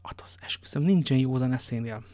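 A man's voice: medium pitch, lively intonation, dry recording, clean studio sound, lightly acted. D'Artagnan, a man doing a hot-headed musketeer. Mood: agitated. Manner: agitated, exclaiming. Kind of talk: audiobook reading.

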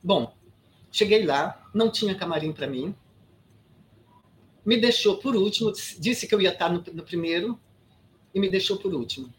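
A woman's voice: medium pitch, expressive, moderate pace, pauses often, a little hiss or hum. A Brazilian woman in her sixties, an actress guesting on an interview podcast, tells a story emphatically with many restarts and "sabe?" asides. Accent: Brazilian Portuguese.

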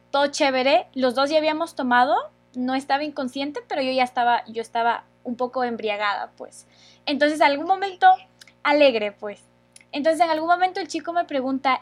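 Young woman, high voice, chatting casually, lots of "o sea" fillers. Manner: storytelling, conversational with frequent fillers. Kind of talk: casual chat.

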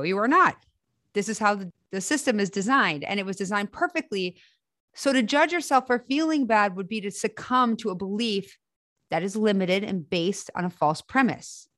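Measured, emphatic woman, close dry sound. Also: mid-range voice, a bit bright, no room sound. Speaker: host of a spiritual group discussion show. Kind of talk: spiritual inspirational monologue and group chat.

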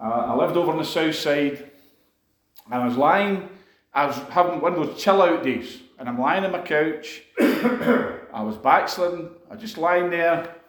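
A man preaching to a congregation, telling a personal testimony in a conversational, emotional way, with frequent fillers and restarts. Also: on the high side. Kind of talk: sermon testimony. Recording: echoey room.

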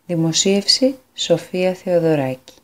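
A woman with a Greek accent reading a personal statement on a community radio news bulletin in an earnest, measured way. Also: lowish voice, a bit bright.

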